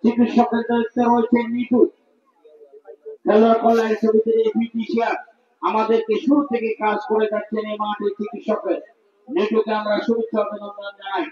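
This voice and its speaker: A man's voice: sits high, level tone, brisk, darkish tone, far from the mic. A man with a Bangladeshi accent making formal announcements at a sports tournament. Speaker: event announcer and commentator. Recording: echoey, dull public address sound.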